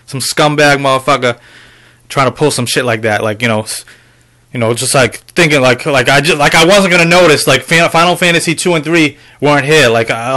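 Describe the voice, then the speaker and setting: A man's voice: medium pitch, pushed and bright. A man vlogging about a game haul, telling a rambling, profane story to his viewers with lots of fillers. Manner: addresses viewers directly. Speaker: video game collector vlogger. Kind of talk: casual ranting vlog.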